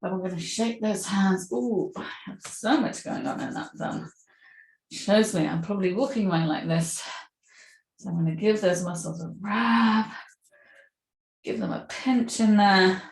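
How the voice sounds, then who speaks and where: Slow, gentle woman yoga instructor. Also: mid-range voice. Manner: gentle, encouraging cues. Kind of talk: guiding a movement class. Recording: echoey room.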